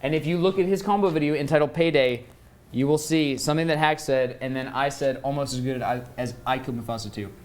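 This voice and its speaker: A man's voice: mid-range voice, quick pace. A man co-hosting a late night panel chat, boastful and playfully argumentative, laughing often. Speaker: co-host of a late night show.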